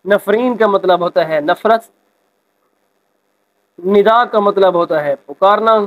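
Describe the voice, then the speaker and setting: A man teaching a school lesson, explaining a textbook exercise and reading example sentences slowly with expression. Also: sits high, phone-quality sound.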